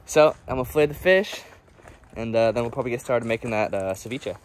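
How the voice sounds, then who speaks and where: A man's voice: mid-range voice, fast, clean tone. A man narrating a casual vlog in a laid-back, slangy, chatty way. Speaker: vlogger.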